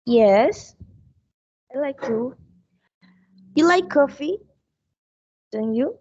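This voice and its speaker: Slow hesitant woman. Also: high voice, animated, darkish tone, dry recording, muffled recording. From Colombia. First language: Spanish. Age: 20s. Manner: slow, hesitant, searching for words. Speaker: language student. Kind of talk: English speaking practice in class.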